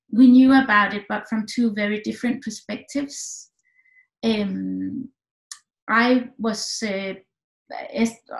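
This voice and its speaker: Speaking from a home room with echo, this middle-aged film director from Denmark gives online film talk answers over a video call. She is thoughtful and full of fillers and restarts, with a medium-pitched voice and vocal fry. Her computer mic yields poor, roomy audio.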